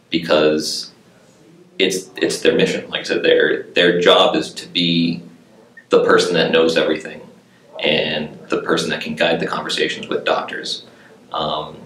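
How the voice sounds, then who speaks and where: A man's voice: low voice, fairly bright tone. A man in his thirties, a user experience director, earnestly explaining in an interview. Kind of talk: interview answer. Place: open-plan office, indoors. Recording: roomy office sound.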